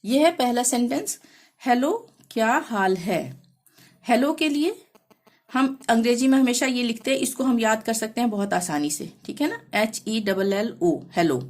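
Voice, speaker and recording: A woman teaching a language lesson, explaining slowly and patiently, often pausing to check that the listener follows. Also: on the high side, a little mellow. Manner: slow, repeats "theek hai" to check understanding. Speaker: Hindi teacher.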